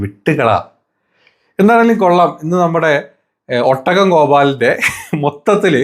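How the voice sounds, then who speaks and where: Man mocking with crude, sarcastic taunts. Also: mid-range voice. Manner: sarcastic, crude insults and mock-affectionate taunts. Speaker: political commentary host. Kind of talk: mocking commentary over debate clips.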